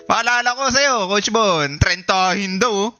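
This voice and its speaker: A man in his twenties streaming a casual reaction, excitable and profane, rambling and teasing. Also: high voice, a little slow. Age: 20s. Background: background music.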